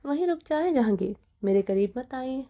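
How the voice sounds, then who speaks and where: A woman's voice: sits high, lively intonation, dark tone. A woman voicing a young wife who confronts her husband emotionally in an audio novel reading. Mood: hurt. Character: young wife, hurt and defiant.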